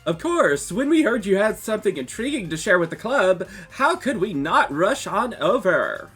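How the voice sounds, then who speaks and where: A man's voice: sits high, big pitch swings, unhurried, fairly bright tone, breathy edge, faint music behind, voice pushed up, full character voice. A man voicing an overeager, worked-up young girl who leads a club, reading video game dialogue. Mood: eager.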